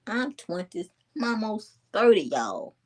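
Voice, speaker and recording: A woman, casually telling a story to her viewers in a chatty, animated way. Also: mid-range voice, a little slow. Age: 20s. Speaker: vlogger.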